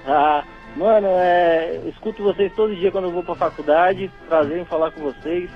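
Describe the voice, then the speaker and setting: A young man calls in over the phone, his fairly high voice coming through a dull, muffled line. He talks in a relaxed, slangy, slightly halting way. Faint music plays behind him. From São Paulo region, Brazil. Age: young adult. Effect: heard over the phone. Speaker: radio caller. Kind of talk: casual call-in chat.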